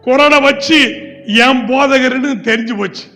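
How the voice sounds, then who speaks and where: A man preaching a sermon as pastor in a church, with a Tamil Nadu accent, speaking emphatically and now and then breaking into shouted lines. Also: extremely high pitch, fairly even intonation, unhurried. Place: church hall. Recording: church hall with long reverb and faint music.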